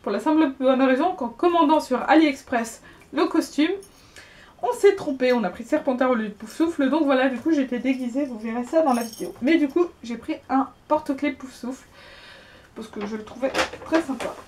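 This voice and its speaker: High-voiced chatty young woman vlogger. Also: fairly quick, darkish tone. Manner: chatty, hesitant, repeats herself. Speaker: book vlogger. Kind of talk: casual haul vlog.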